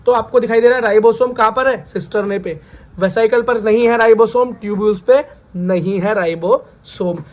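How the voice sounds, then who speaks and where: High-voiced Hindi-speaking biology teacher. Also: male voice, moderate pace, highs cut off. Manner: repeats key terms as questions, calls students "beta". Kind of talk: classroom lecture.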